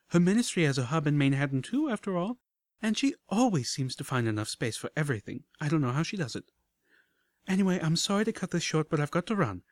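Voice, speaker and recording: An elegant, gushing pony mare. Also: male voice, sits high, dry recording, clean studio sound, pitched above the performer's own voice. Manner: refined, affected, breezy talk. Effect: played back from an old terminal. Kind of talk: audiobook character voice.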